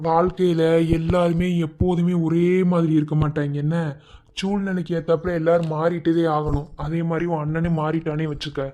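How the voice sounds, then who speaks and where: A man's voice: on the high side, normal speed, lightly acted. An actor playing a kind young village man, speaking reassuringly in Madurai Tamil in a cartoon. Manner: reassuring, steady. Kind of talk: cartoon voice acting.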